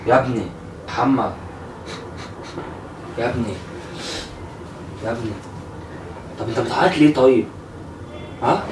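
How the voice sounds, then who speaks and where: A man's voice: mid-range voice, normal speed, pauses often. Egyptian young male, concerned and insistent, echoey noisy room recording. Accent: Egyptian Arabic. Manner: worried, pressing questions, comforting. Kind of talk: caught-off-guard conversation. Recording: distant roomy mic with room noise.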